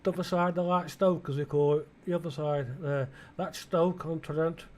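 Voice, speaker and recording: Rambling British man, slightly high voice. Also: fairly even intonation, normal speed, darkish tone, slight background noise. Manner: musing aloud, asking himself questions, many restarts. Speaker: gaming video creator. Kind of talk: rambling flight-sim commentary.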